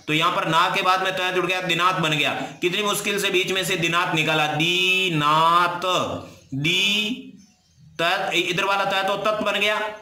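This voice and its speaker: A man's voice: high voice, bright, forceful tone. A man teaching a grammar lesson word by word, asking questions and answering them himself. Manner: explains word by word, asks and answers his own questions. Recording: echoey room.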